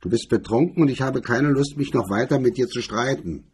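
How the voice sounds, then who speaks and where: Brief: an unflustered hard man, curt and cold, husky dark voice, a man voicing him. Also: medium pitch, a little fast, voice pushed up. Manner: calm, curt, clipped. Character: cool, cold-spoken male gangster.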